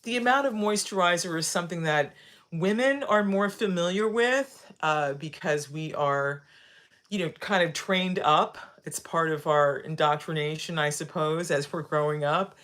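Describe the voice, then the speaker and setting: A woman of sixty hosts a live demonstration video at a moderate pace, her voice low-pitched and fairly bright. She keeps it casual and instructional, repeating phrases and asking lots of tag questions.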